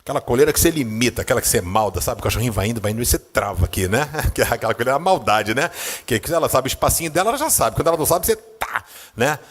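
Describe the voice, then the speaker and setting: Racing through a personal story in a husky voice, a pastor with a Brazilian Portuguese accent preaches in church. He dramatizes the scenes, moving from hushed murmurs to high, excited bursts.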